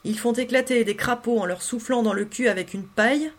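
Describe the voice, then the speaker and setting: Woman, audiobook narrator, fairly high-pitched, expressive, first-person literary reading. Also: fairly quick. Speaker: audiobook reader.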